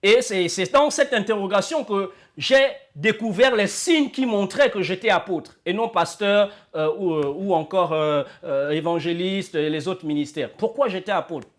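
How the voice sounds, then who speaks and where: A man preaching in a church with a very high voice. He repeats his lines for emphasis and cries out in fervent bursts, shouting as the sermon builds. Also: normal speed, few pauses. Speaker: apostle preaching.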